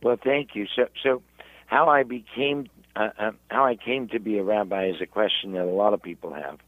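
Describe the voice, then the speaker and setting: A man, a rabbi, telling his story in an interview in halting, self-repeating speech. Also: on the low side, no room sound, phone-quality sound. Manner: halting, repeats words while searching. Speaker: rabbi and guest.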